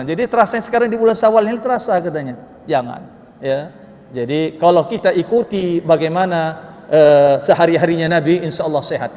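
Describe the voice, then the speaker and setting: A man preaching a mosque sermon, telling stories with humor and asking rhetorical questions. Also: sits high. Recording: long reverb of a mosque hall.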